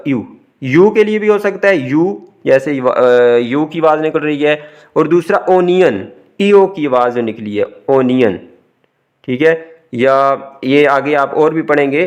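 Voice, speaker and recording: A man, teaching a class and explaining step by step, asking and answering his own questions. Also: a little high. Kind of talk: classroom lecture.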